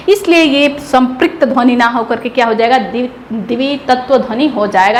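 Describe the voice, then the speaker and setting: A woman with a high voice gives an exam-prep grammar lesson, repeatedly posing questions and answering them herself while repeating each key term. The room is very echoey, with faint noise underneath.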